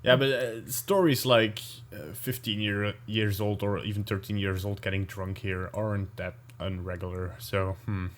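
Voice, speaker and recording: Low-voiced Belgian man, easygoing podcast chat. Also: fairly even intonation, normal speed, hardly any pauses. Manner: easygoing, laughs often, hesitant with fillers. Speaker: podcast co-host. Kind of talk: casual chat.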